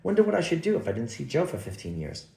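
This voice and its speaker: A man's voice: a little high, wildly swooping pitch, fast talker, vocal fry, dark tone, reverberant, slight background noise, heavily acted. A man voicing a young parlour maid who chatters lightly and carelessly. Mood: chatty.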